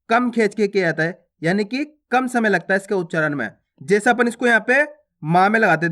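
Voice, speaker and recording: Male teacher, high voice, patient and repetitive, calls viewers friends. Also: fairly bright tone. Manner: patient, repetitive drilling of syllables. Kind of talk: reading lesson for beginners.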